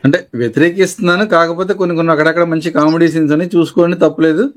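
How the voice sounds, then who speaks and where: A male guest who talks very fast in a fairly high voice, cutting in with quick, eager remarks on a live online discussion. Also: fairly even intonation. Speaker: panel guest.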